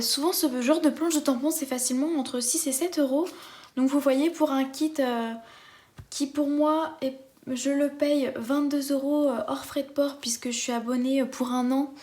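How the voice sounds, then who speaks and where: A woman's voice: high voice, steady tone, measured pace, a little mellow. A woman chatting enthusiastically as she unboxes a craft kit for her viewers. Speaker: craft vlogger. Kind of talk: casual unboxing chat.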